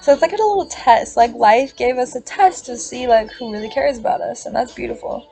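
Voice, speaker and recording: A woman's voice: a little high, a little fast, gravelly, mellow. A woman in her twenties talking in a casual confessional monologue, rambling and filling her speech with "like" and the odd swear word.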